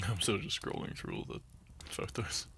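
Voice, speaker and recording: A young audio content creator rambles to his listeners without a script, laughing often, losing his thread, and sipping wine along the way. His voice is lowish and sharp-toned at a normal speed, with a little hiss or hum in the recording.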